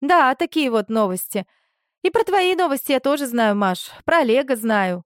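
A woman's voice: high-pitched, moderate pace, no room sound, clean studio sound, pitched above the performer's own voice. A woman voicing a chatty female friend talking on the phone. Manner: lively, gossipy.

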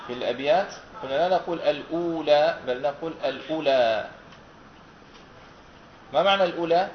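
A man's voice: on the high side, racing, a little hiss or hum. Man teaching, quizzing students in a roomy class. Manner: quizzes students, repeats their answers, patient. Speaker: Quran recitation teacher. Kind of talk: classroom lesson with questions to students. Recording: roomy, dull lo-fi classroom recording.

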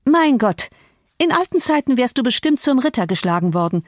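A proud, volatile young woman, voiced by a woman reader, snaps in a cutting, imperious tone, pitched noticeably higher than a plain reading voice. The audiobook recording is dry and close, with no room sound. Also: expressive, moderate pace, darkish tone, no echo, lightly acted. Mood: scornful.

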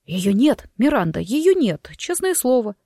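A woman reading the part of a calm, gently mocking young husband, soft and amused. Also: fairly high pitch, measured pace, no room sound, clean studio sound, heavily acted. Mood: soothing.

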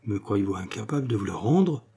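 A man's voice: fairly low pitch, lively intonation, a little fast, warm tone, slightly rough. A man voicing an honest, timid old head clerk in an audiobook, speaking in a trembling, wounded way. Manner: trembling, embarrassed, then indignant. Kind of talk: audiobook character reading.

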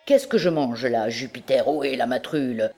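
A boastful, tipsy young male student shouts and jokes his way through a tavern, performed by a woman narrator. He exclaims loudly and laughs, all swagger in an audiobook reading. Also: extremely low pitch, expressive, normal speed, full character voice.

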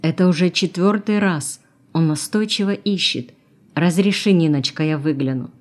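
A woman reading the lines of an impulsive young woman seeing a friend off, hushed and hesitant. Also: on the low side, normal speed, close to an everyday voice. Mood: earnest.

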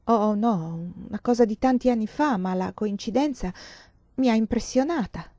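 A woman's voice: fairly high pitch, moderate pace, dark tone, dry recording, lo-fi sound, close to an everyday voice. A woman reading the part of a grief-stricken, overwrought young woman, her voice raised and strained near tears. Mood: subdued.

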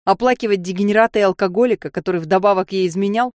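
A woman's voice: mid-range voice, rapid-fire, dry recording, studio quality, natural voice. A woman voicing a harsh, cynical male voice in a heroine's head, speaking bluntly and with contempt. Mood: cutting.

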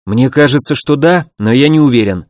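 A man reading an audiobook voices a blunt young warrior who speaks calmly and plainly. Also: medium pitch, a little fast, no room sound, clean studio sound, close to an everyday voice.

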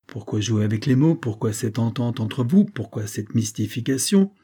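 A man voicing an impatient, agitated young gentleman who fires off sharp, demanding questions. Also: mid-range voice, animated, normal speed, husky. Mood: indignant.

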